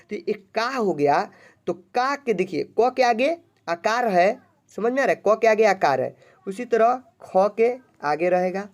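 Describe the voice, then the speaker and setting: A woman teaching basic reading, who quizzes her listeners and repeats each point slowly and patiently. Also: medium pitch, a little mellow. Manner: slow, drawn-out letter sounds. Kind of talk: basic literacy lesson.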